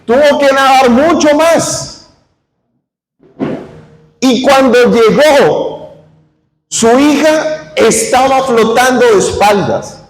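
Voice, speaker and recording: Preacher in an echoey hall. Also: male voice, very high voice, expressive, slow, pauses often. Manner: storytelling with rising emotion, then prays softly. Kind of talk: sermon illustration and prayer. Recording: echoey hall with long reverb.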